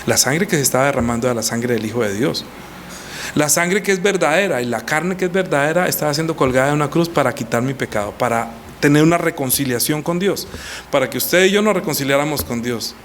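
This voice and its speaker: Animated man teaching a baptism class. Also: quick pace, a little hiss or hum. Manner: animated, rises high for quoted voices, reads scripture aloud. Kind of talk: teaching sermon.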